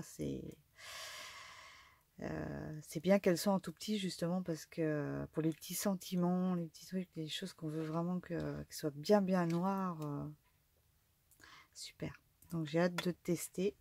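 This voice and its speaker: Slow, hesitant low-voiced woman. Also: darkish tone. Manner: hesitant, many fillers and restarts. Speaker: craft vlogger. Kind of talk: casual unboxing commentary.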